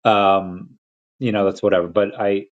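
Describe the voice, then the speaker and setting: A young man from Peru hosting a casual livestream chat, rambling and restarting his sentences, with quick laughs between thoughts. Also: on the low side, flat delivery. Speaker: crypto livestream host. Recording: lo-fi dull audio.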